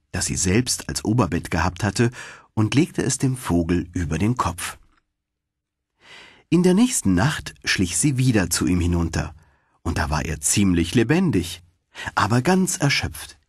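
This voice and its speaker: A man tells a fairy tale in a lowish, husky voice, narrating deliberately and with a great deal of animation. The sound is dry and close, like an audiobook studio, with no echo.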